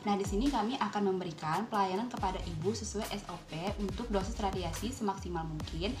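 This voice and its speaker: A young adult woman, a dental student, walks through a clinical procedure step by step in a polite instructional skills demonstration, including role-played patient dialogue. She talks quickly with a medium-pitched voice. The room echoes, and music plays behind her.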